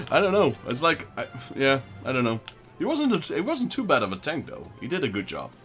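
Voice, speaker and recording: Speaking at normal speed in a mid-range, slightly bright voice with huge pitch swings, a Dutch-accented man from the Netherlands narrates a casual let's play. A native Dutch speaker, he chats with his viewers and reacts to their messages over faint music.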